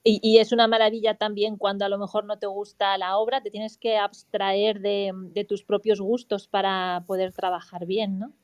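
A woman's voice: medium pitch, level tone, moderate pace, few pauses, darkish tone, no room sound. A woman co-hosting an interview over a video call, her audio glitching and sounding robotic as her connection cuts out. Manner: asks questions and follow-ups. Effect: glitchy, robotic, cutting-out audio from a bad connection. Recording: dull, lo-fi video-call line.

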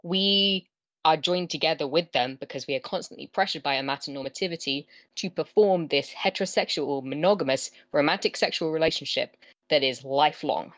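A woman's voice: deep voice, brisk, no room sound. A woman with a West Country English accent, chatting casually as a podcast co-host in an informal, emphatic way. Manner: informal, emphatic, peppers talk with "like". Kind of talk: casual chat.

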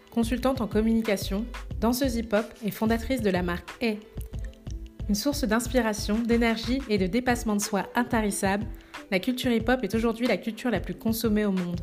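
A woman's voice: fairly high pitch, darkish tone. A woman hosting a podcast, reading an upbeat intro and then chatting with frequent hesitations. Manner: clear, upbeat read intro, then chatty with many fillers. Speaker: podcast host. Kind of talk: podcast interview with scripted intro.

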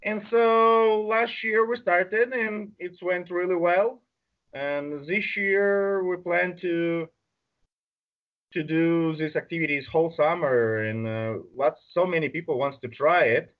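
A man with a fairly high voice and a Belarusian accent speaks as an interview guest. His English is halting and non-native in its phrasing, delivered conversationally. The audio is somewhat dull and lo-fi. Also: fairly even intonation. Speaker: interview guest, adaptive sports organiser.

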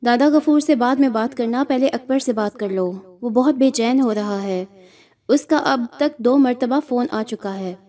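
A woman's voice: a little high, dark tone, lightly acted. A woman voicing a worried middle-aged wife pressing for news in an audio horror story. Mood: anxious.

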